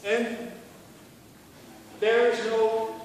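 A middle-aged Dutch-accented man teaches a university class, firing rhetorical questions at students and often stopping to restart phrases, his voice high for a man, level in tone, with drawn-out words. A far camera captures him from across a large, echoey lecture hall with long reverb and slight background noise.

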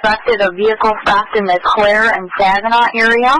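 A man's voice: high voice, steady tone, fairly quick, pushed and bright. A man dispatching over police radio, giving clipped, formulaic procedural announcements and reading out details in code. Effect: police radio transmission. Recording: noisy police radio scanner audio.

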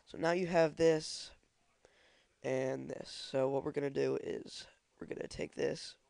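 Congested young man with a gravelly voice. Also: a little high, steady tone, a little slow, a little mellow, no room sound. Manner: hesitant, many ums and uhs. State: congested from a cold. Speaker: software tutorial maker. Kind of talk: screen-recorded tutorial.

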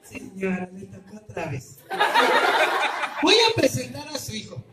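A man with a Mexican accent performing as a street clown, teasing and calling loudly to an outdoor crowd. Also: high voice, very animated, unhurried. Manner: loud, teasing, calling out to the audience. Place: outdoor public square. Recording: echoey, distant and noisy.

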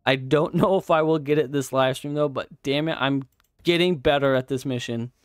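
A man's voice: mid-range voice, normal speed, smooth, dry recording, clean studio sound. A young man live-streaming a game, chatting casually with viewers, swearing and laughing as he plays. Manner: swears and laughs often, reacts loudly to gameplay.

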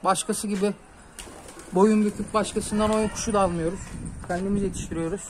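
A man's voice: sits high, steady tone, brisk, rough recording. Man, pigeon keeper, casual vlog talk, earnest advice, outdoor rooftop, phone mic, faint background noise. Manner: earnest, advising, calls pigeons with soft hissing sounds. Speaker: pigeon keeper hosting his channel.

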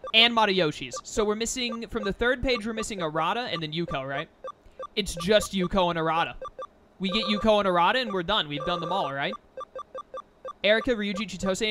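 A man's voice: high voice, background noise. A man giving casual, offhand let's-play commentary on a video game, chatting as he plays. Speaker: gaming video host.

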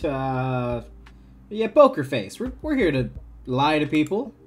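Lively man reading game dialogue. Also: a little high, takes it slowly. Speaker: gameplay video host. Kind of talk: reading a dating-sim script aloud. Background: game music.

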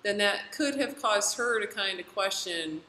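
A woman's voice: medium pitch, lively intonation, measured pace, sharp tone, reverberant, a little hiss or hum, low-quality recording. A woman interviewing her guests, affirming and reflective, who often checks in with "right?". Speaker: interviewer and sound healer. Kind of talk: conversational interview.

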